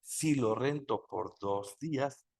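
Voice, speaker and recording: A man walks through a software tutorial at a deliberate, unhurried pace. His pitch sits in a middle register. He keeps checking in with short rhetorical questions as he explains. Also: creaky. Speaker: software instructor. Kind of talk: screen-recorded tutorial explanation.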